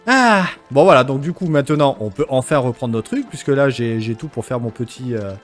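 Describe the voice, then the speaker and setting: A man commentating his own gameplay in a relaxed, chatty way, full of swearing and self-interruptions. His pitch swings widely from low mutters to excited highs. He sounds playful and loose, never quite finishing a sentence. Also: brisk, soft background music. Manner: rambling, swearing, keeps interrupting himself, playful. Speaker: let's play host.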